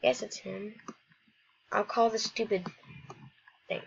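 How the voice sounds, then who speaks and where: A woman reads a game story aloud in a playful, rambling way, dropping quick asides between lines. She talks at an unhurried, drawn-out pace at a middling pitch. The recording sounds dull and lo-fi. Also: steady tone, vocal fry, slightly rough. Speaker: gamer reading a story aloud. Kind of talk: casual commentary while reading game captions.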